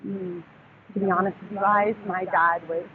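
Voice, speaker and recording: A woman in her twenties from Texas talks openly and reflectively in a street interview outdoors near a park, hesitating often and saying "um" a lot. Her mid-range voice keeps a level tone at normal speed. The audio sounds phone-like, with outdoor noise in the background.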